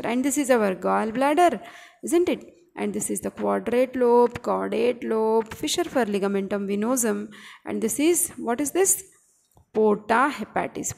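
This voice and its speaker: A woman's voice: a little high, creaky, a little mellow. A woman teaching anatomy in a screen-recorded lecture, explaining each point and checking in with "okay" and "isn't it". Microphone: screen-recorder microphone.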